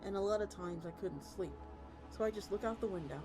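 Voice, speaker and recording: A woman streaming as a VTuber reads a story in a casual, conversational manner against background music. Her medium-pitched voice moves briskly.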